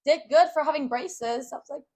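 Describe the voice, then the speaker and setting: A woman's voice: high-pitched, fairly quick, dark tone. A young woman co-hosting a podcast, telling a story in rambling casual chat with lots of fillers. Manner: rambling, filler-heavy, with frequent "like". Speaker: podcast co-host.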